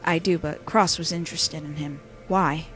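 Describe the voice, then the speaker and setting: In a very echoey space with music behind, a sassy bat spy, played by a woman talks in a fairly low voice. She is sardonic and cynical, a tough cartoon animal woman in an audio drama. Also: fairly even intonation, normal speed, a bit bright. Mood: curious. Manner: sarcastic, sardonic. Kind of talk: scripted fan audio drama.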